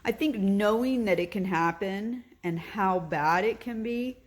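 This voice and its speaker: A woman candidly telling a personal vlog story about her recovery from surgery, pausing often and giving earnest advice. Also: mid-range voice.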